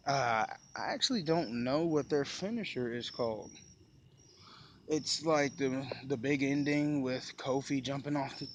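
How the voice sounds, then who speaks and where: A man's voice: medium pitch, unhurried, slight background noise. Casual rambling man vlogging. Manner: loose, rambling, filler-heavy. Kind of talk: casual recap talk.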